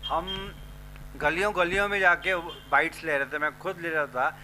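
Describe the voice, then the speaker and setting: A man's voice: on the high side, fairly even intonation, moderate pace, sharp tone, a little hiss or hum, rough recording. A man from India, a news presenter, explaining at length and persuading people, mixing Hindi with English phrases. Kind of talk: explanatory talk and street interviews.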